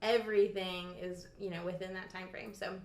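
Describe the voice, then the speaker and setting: A woman's voice: lowish voice, level tone, normal speed, darkish tone, echoey room. A young woman hosting a casual, teasing interview with her partner. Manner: playful, teasing. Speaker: interviewer and channel host. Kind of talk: casual chat.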